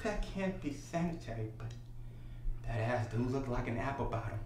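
A man acting a cocky young boyfriend in a comedy sketch, boastful with loud theatrical outbursts. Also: mid-range voice, lively intonation, normal speed, natural voice. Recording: echoey room with faint noise.

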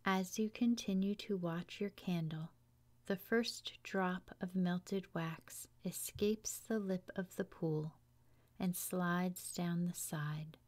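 Slow, hushed woman guiding meditation. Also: lowish voice. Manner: slow, soothing, hushed delivery with long pauses. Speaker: yoga teacher guiding meditation. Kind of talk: guided relaxation meditation narration.

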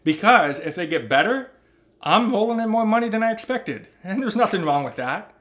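A man in his thirties, a personal finance YouTuber, explaining over a spreadsheet in an animated, emphatic way, talking straight to the viewer from a home office. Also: high-pitched, moderate pace. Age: 30s.

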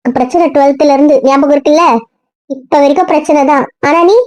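A woman's voice: high-pitched, steady tone, fairly quick, a little mellow, no echo, close to an everyday voice. A woman playing a nosy, teasing young friend who keeps asking prying questions. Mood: probing. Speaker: friend and colleague.

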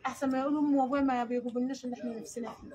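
A woman's voice: sits high, fairly even intonation, very fast, a crowd in the background. A woman with an Egyptian Arabic accent, a tuk-tuk mechanic answering interview questions earnestly and plainly, repeating herself for emphasis. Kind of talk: casual street interview.

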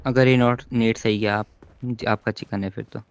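A man leads his squad in a streamed battle royale shooter, barking urgent commands again and again as he gives live callouts. His voice is on the low side with fairly even intonation and a moderate pace, captured in lo-fi sound with heavy background noise and loud gunfire in the game audio.

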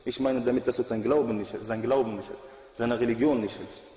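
A man's voice: mid-range voice, fairly even intonation, brisk, dark tone. A man preaching a sermon in an earnest, exhorting manner, recorded with echoey hall reverb.

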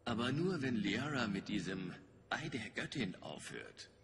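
Deep wry crewmate guy in a game, long reverb and noisy audio. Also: big pitch swings, a little slow, a bit bright, heavily acted. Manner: casual, wry banter. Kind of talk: video game dialogue, German dub.

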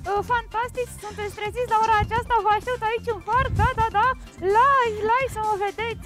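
A woman's voice: extremely high pitch, fairly even intonation, music in the background, pitched above the performer's own voice. A woman voicing a cheerful, chatty old grandmother puppet in a ventriloquism act on live radio, with a bubbly, sing-song delivery.

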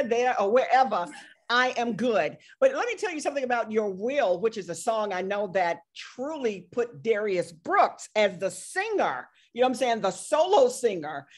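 A woman hosting a gospel interview, talking casually and answering with amens and hallelujahs. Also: on the high side. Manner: warm affirming interjections, says amen and hallelujah. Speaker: interview host, radio personality.

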